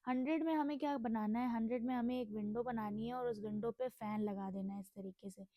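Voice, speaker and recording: A young woman from India teaching a casual language lesson, repeating each word slowly and asking and answering her own questions. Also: on the high side, fairly even intonation, dark tone, dry recording.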